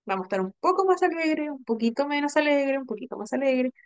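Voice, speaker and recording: A woman's voice: high-pitched, expressive, fast, no room sound. A young adult woman, teaching a training class and explaining patiently, often checking in with her listeners. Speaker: instructor.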